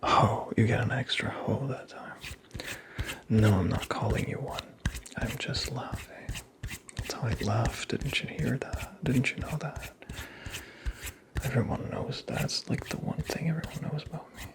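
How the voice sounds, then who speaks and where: A man playing a teasing, vain Santa Claus in an ASMR roleplay, murmuring slowly in a breathy whisper. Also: medium pitch, lightly acted. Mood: amused, gently probing.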